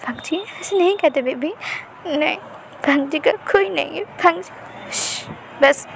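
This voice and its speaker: A woman voicing a protective, possessive young man who stammers and hushes softly. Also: sits high, a little slow, vocal fry, a little hiss or hum, pitched above the performer's own voice. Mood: soothing. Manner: stammering, hushing, soothing.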